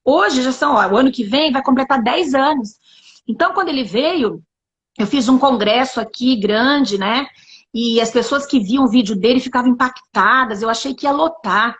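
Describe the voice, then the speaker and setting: A Brazilian woman, a guest in a casual interview, telling her testimony as an animated storyteller who acts out the dialogue. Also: high voice, normal speed, husky.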